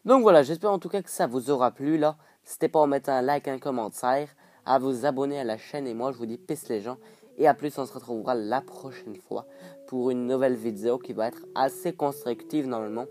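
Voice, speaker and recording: A man's voice: mid-range voice, brisk, a little mellow. A man giving casual gameplay commentary, rambling and jokey, full of hesitant fillers and silly put-on accents. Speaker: gaming video creator.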